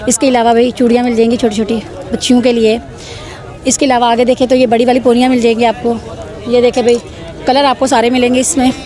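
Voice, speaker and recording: A woman's voice: on the high side, a little mellow. A woman with a Pakistani accent hosting a market vlog outdoors, selling the goods to viewers in repetitive patter that urges them to come and buy. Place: outdoor street bazaar.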